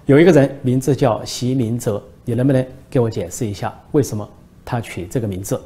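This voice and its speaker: A man's voice: mid-range voice, brisk, warm tone, natural voice. A man voicing a stern, preachy male customs officer who asks pointed questions and lectures. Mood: questioning, lecturing.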